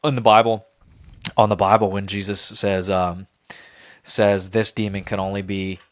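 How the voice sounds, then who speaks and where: A young man co-hosting a podcast, thinking out loud in a speculative, joking way, full of "like"s. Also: on the low side, little pitch movement, moderate pace, dry recording, clean studio sound. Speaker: podcast co-host. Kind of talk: casual chat.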